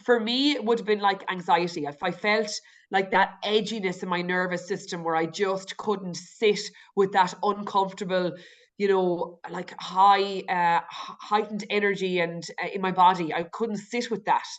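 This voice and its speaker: A woman's voice: mid-range voice, fairly even intonation, normal speed. Earnest Irish woman, podcast guest. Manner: earnest, reflective, many restarts and fillers. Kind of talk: candid conversational interview.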